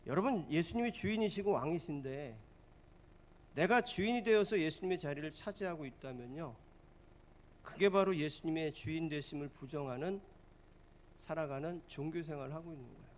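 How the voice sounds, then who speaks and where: A male pastor delivering a sermon in a storytelling way, with a voice a little higher than most men's. He often turns to his listeners with questions and then answers them himself. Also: brisk. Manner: storytelling, asks the congregation questions.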